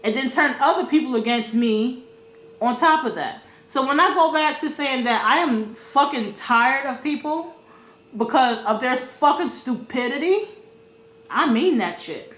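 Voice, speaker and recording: A woman's voice: sits high, lively intonation, measured pace, fairly bright tone, echoey room. A woman vlogging her opinions in a blunt, profane way, repeating her points for emphasis. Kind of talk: casual opinion rant.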